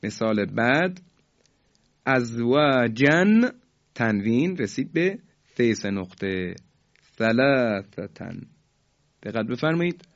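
A man teaching Quran recitation rules in a formal, polite way, explaining each rule and then chanting the examples slowly and drawn out for students to repeat. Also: mid-range voice, very animated. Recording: dull lo-fi recording.

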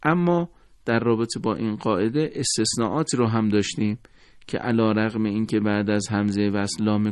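A man teaching a recorded lesson on Quran recitation, speaking in a formal, courteous and measured way. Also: lowish voice, a little mellow, no echo, studio quality.

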